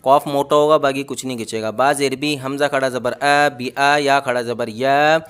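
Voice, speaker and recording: A man leads a patient reading lesson, drawing out each sound and blending syllables slowly. His voice is smooth and clear, sitting in a middle pitch. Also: steady tone, a bit bright. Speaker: Quran reading teacher. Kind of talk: slow letter-by-letter reading lesson.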